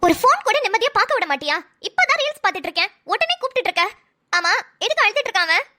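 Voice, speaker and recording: A woman's voice: very high-pitched, sing-song, very fast, pushed and bright, voice pushed up, exaggerated voice. A snappy, quarrelsome young mother, voiced by a woman. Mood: argumentative. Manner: snappy, argumentative. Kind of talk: cartoon voice acting.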